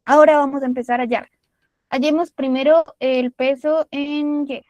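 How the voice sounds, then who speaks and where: Woman physics tutor, Colombian Spanish accent, high pitch, dry close mic, patient explainer. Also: fairly even intonation, normal speed, darkish tone, no echo. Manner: patient step-by-step explaining with casual fillers. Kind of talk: explaining a physics problem while drawing.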